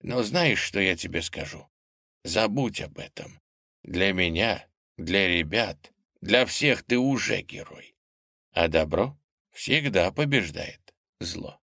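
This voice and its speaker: A man voicing an elderly grandmother who speaks quietly and earnestly. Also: low-pitched, animated, takes it slowly, no echo, clean studio sound, heavily acted. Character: elderly grandmother, calm and kind.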